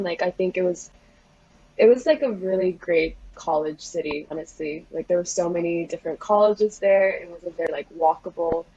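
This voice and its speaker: A young woman from the Philippines talks easily as a podcast guest, filling her answers with little laughs. Her voice sits a bit low and has a husky edge. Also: muffled recording. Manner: relaxed, laughs often, lots of fillers. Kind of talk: casual interview.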